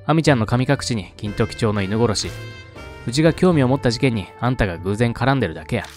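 A man's voice: mid-range voice, lively intonation, fast, faint music behind, lightly acted. Brash young female detective, attempted Kansai dialect, teasing and pushy, read by a man. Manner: pushy and blunt.

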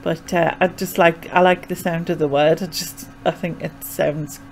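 Young mackem lass from sunderland, gravelly fry in her voice, rambly casual vlog chat up close on a mic. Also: low-pitched, fairly even intonation, moderate pace. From North East England. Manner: hesitant, rambling, chatty. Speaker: vlogger. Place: small bedroom indoors. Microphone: desk microphone with pop filter, close.

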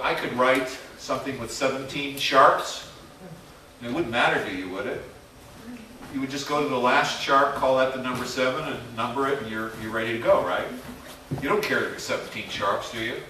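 A man's voice: mid-range voice, pushed and bright, a little hiss or hum. A man teaching a music theory workshop to a class in a casual, chatty way, quizzing the students as he goes. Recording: very echoey room, mic far off.

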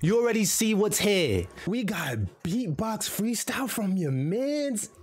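Man, reaction host, slangy and hyped, high voice. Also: big pitch swings, measured pace, very noisy. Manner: slangy, hype-building, pleads for subscribers. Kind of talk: hyped casual chat.

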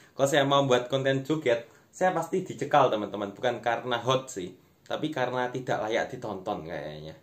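A young man, delivering a conversational, self-deprecating stand-up monologue to camera in a room at home. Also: mid-range voice. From Indonesia. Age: young adult. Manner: conversational, self-deprecating, often addressing listeners as friends. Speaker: amateur stand-up comedian. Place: small room at home, indoors.

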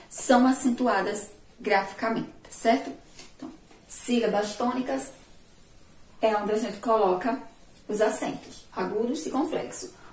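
Slow patient Brazilian teacher, echoey room. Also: female voice, mid-range voice, a little mellow. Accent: Sergipe Brazilian Portuguese. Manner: slow, drawn-out syllables, asks pupils questions and praises answers. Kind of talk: remote classroom lesson. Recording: echoey room, voice far from mic.

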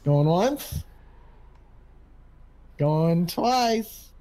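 A man's voice: high-pitched, expressive, drawn-out words, dark tone, full character voice. A man playing a farm equipment auctioneer in a casual video game role-play, calling for bids and repeating prices. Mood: selling briskly.

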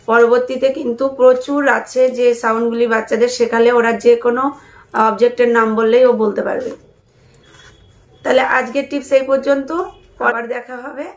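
A woman hosting a speech-tips channel, patiently teaching parents sounds in a slow spoken lesson, repeating syllables clearly. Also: on the high side, flat delivery.

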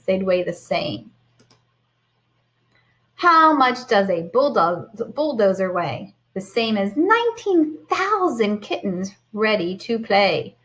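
Sitting indoors at home before a computer, a middle-aged American woman who teaches primary school reads and explains a picture book for kids. Her voice is a little high and somewhat bright, rising and falling in a sing-song way that highlights rhymes and important words.

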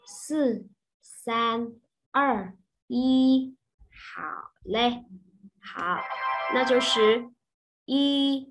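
A woman with a Vietnamese accent teaching an online Chinese class, patient and checking in with her students often. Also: on the high side. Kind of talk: online language lesson.

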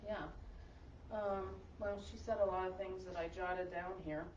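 A woman's voice: on the low side, steady tone, a little slow, darkish tone, a little hiss or hum. A woman leading a church support group discussion, affirming and encouraging the speakers in a meeting room. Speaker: group leader. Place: meeting room with folding chairs. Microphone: far camera. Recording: echoey room, distant and dull.

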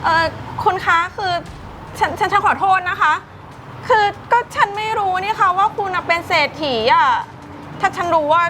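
A woman's voice: very high voice, moderate pace, background noise. A woman playing a snobbish young shopkeeper. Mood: flustered. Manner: scornful, shouting insults. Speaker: shop owner's daughter. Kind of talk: short-film drama acting. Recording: music playing underneath. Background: background music.

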